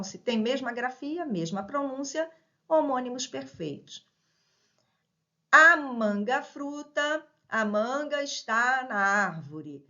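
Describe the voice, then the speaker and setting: A woman teacher walks through a grammar lesson in a somewhat high voice. She leans hard on each example word and keeps checking in with short tag questions. The recording sounds a little dull and lo-fi. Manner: explains with many tag questions like "né?" and "certo?"; stresses example words with sudden loud emphasis.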